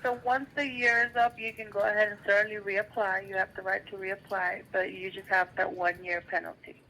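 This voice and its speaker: A woman's voice: mid-range voice, flat delivery, fairly quick, creaky, bright, forceful tone, a little hiss or hum, poor audio. A woman caseworker explaining a benefits waiver over the phone in a procedural way, with filler ums.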